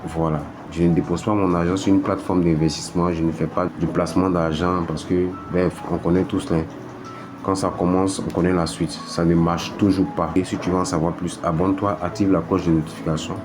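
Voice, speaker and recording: A man gives a short channel intro and asks viewers to subscribe, speaking in flat, even tones. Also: sits low, fairly quick. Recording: clear background music.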